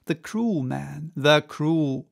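A man's voice: on the high side, animated, very slow, gravelly, full character voice. A man voicing an obsessed, vengeful whaling captain in an audiobook, intense and declamatory. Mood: intense, coaxing.

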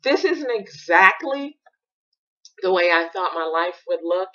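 A woman in her sixties, a podcast host, telling a story in a lively, casual way and laughing as she talks. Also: on the low side, measured pace. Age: 60s. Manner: animated storyteller, laughs while talking. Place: Bradford. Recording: dull lo-fi recording.

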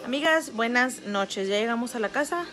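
A family vlogger in her thirties chats casually to her viewers with her phone held at arm's length, gently correcting her kids as she goes, from a car at night, a shopping mall and her home kitchen. Her voice is on the high side and animated, at a moderate pace, and loud crowd and background noise fill the recording.

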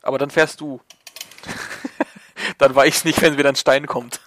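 A man's voice: medium pitch, steady tone, takes it slowly, fairly bright tone, a little hiss or hum. A man playing a military co-op game, switching between casual chat and clipped radio phrases on a close headset mic. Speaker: video game player. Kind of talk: casual chat and radio calls during tactical co-op gameplay.

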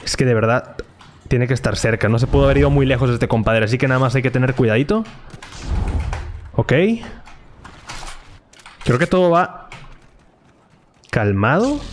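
A man with a Mexican accent giving excitable live gameplay commentary to his chat, repeating words in bursts. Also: mid-range voice, normal speed, long pauses, slight background noise. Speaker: gaming streamer.

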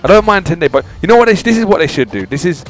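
Over mobile game footage, a gaming channel host chats casually with his viewers, sounding exasperated as he comments on his play. His voice is high, animated and rapid-fire, with faint music behind it.

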